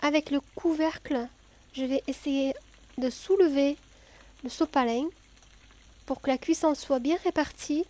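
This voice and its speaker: A woman with a southern French accent, calmly explaining a cooking tutorial step by step, with frequent hesitations. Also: high voice, unhurried, long pauses. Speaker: home cook.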